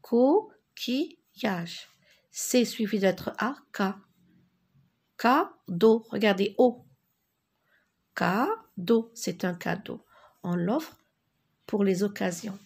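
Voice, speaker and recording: A woman's voice: mid-range voice, measured pace, gravelly, a little mellow, slightly rough. A woman teaching a beginners' French reading lesson, carefully spelling out letters and syllables, with Arabic as her first language.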